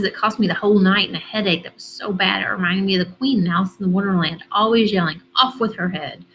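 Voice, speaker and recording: A woman reading a first-person children's novel aloud in a steady, expressive voice. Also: medium pitch, a little hiss or hum, low-quality recording.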